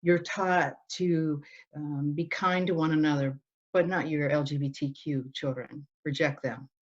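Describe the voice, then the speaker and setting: A middle-aged woman from Northern Ireland, appearing as an interview guest, tells her story earnestly with many restarts. Her voice is low-pitched and fairly even, her pace unhurried, and the conversational interview is captured on dull, lo-fi audio.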